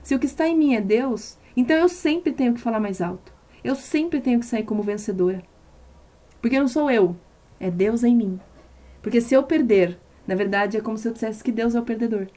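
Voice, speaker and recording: Woman preacher, live-stream sermon, fervent, repeats phrases, warm mellow tone. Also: a little high, a little fast. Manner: impassioned, emphatic, repeats phrases for stress.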